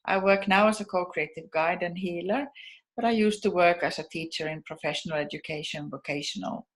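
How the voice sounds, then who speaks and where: A woman from Finland, calmly introducing a video series and its topic. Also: on the low side. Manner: calm and measured, introducing topics. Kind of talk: scripted introduction.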